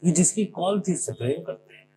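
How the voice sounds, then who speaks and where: A man's voice: a little high, brisk. A man giving an informal spiritual talk in a conversational manner, leaning on stories from his own life and often mimicking what others said. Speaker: spiritual speaker. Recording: noisy recording with a steady hum.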